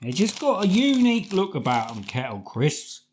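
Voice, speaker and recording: A man's voice: high-pitched, big pitch swings, normal speed, slight background noise. Middle aged british guy, chatty and informal, reviewing food on camera in his kitchen. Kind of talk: casual review chat to camera. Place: home kitchen, indoors. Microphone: camera across the table.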